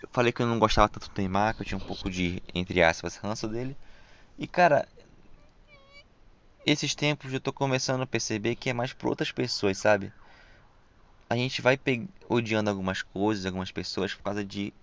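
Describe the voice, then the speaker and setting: A man's voice: fairly low pitch, moderate pace, a bit bright. A young man with a Brazilian accent hosting a casual solo podcast, rambling and reflective with lots of slang and fillers, and with s sounds that come out as sh. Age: young adult. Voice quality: hissing s sounds pronounced as sh. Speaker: podcast host. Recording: dull lo-fi dry recording.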